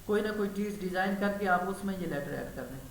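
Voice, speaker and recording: A man leading an online teacher training lesson, explaining step by step and quizzing his trainee as he goes. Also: high-pitched. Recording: echoey room, faint hiss.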